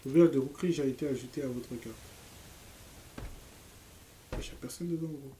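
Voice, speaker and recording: Slangy young French gamer commentating. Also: male voice, mid-range voice, moderate pace, slight background noise. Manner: slangy, reads game text aloud, bursts into loud shouts. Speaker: let's play gamer. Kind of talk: casual gameplay commentary.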